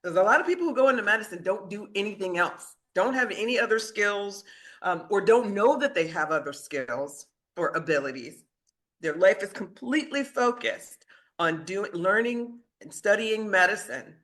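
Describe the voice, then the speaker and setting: A middle-aged woman doctor, earnest and appearing as an interview guest, recounts her story in a steady, conversational manner. Now and then she lets out short laughs at her own boldness. Her pitch is medium and her pace normal.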